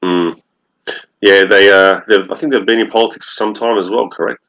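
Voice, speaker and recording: A middle-aged Australian man, a guest speaking over a video call, relaxed with many fillers. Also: on the low side, normal speed, rough recording. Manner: relaxed, fillers like um and you know. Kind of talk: interview.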